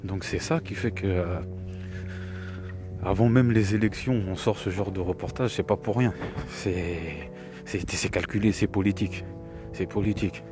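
With music in the background, this deep-voiced man keeps a steady tone at a moderate pace. He's a middle-aged video commentator nursing a cold, giving opinionated reaction commentary that rambles, sneers and often repeats itself.

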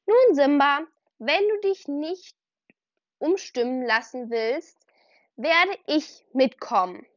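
A woman's voice: high voice, takes it slowly, fairly bright tone, dry recording, highs cut off, full character voice. A woman voicing a hot-headed young male house cat who talks in an angry, huffy way. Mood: sulky.

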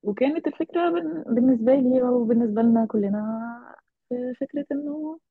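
A woman speaks Egyptian Arabic in a gravelly, husky voice. She recounts personal experience in a halting, reflective way, letting phrases trail off. The sound is thin and narrow, like a phone line. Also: high-pitched, dry recording. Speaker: interview guest. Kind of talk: personal interview account.

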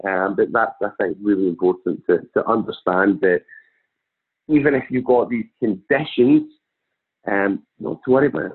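A man's voice: on the low side, moderate pace, slightly rough. A thirty-year-old man with a broad Scottish accent from Glasgow, talking conversationally as a podcast guest. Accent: broad Glaswegian Scottish. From Glasgow, Scotland. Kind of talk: conversational interview, telling own story. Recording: thin, phone-like remote call audio.

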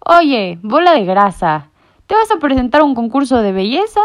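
A woman's voice: high voice, sing-song, moderate pace, voice pushed up. A woman voicing a mocking male alley cat who sneers like a bully. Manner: sneering mockery. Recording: muffled lo-fi recording.

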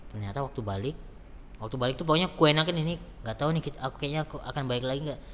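A man in his thirties telling his life story in a casual interview, fast, often swearing and acting out what people said. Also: medium pitch, fairly bright tone, slight background noise. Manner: fast, swears often, acts out quoted dialogue. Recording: long reverb, faint background ambience.

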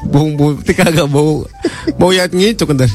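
A man's voice: on the high side, measured pace, soft background music. A man co-hosting a radio show, teasing callers and laughing often in loose banter. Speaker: radio host. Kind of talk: joking on-air banter.

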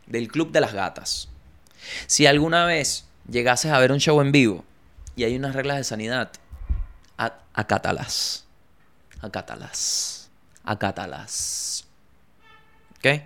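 A man's voice: medium pitch, normal speed, fairly bright tone, smooth. Joking young man, podcast host. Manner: playful, joking, slangy, shifts into bits and impressions. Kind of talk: casual comedic podcast chat.

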